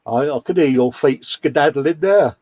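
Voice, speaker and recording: A man's voice: on the high side, normal speed, a little mellow, breathy edge, no echo. A man co-hosting a casual hobby show, reading out posts in a chummy, colloquial way, often calling people mate. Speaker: co-host of a hobby live show.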